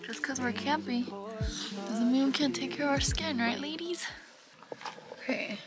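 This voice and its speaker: A woman's voice: sits high, normal speed, loud music behind the voice. A young adult woman chatting to her handheld camera while camping, telling stories with playful asides to viewers. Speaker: vlogger. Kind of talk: casual vlog chat to camera. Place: campsite outdoors and inside a car. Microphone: camera held at arm's length.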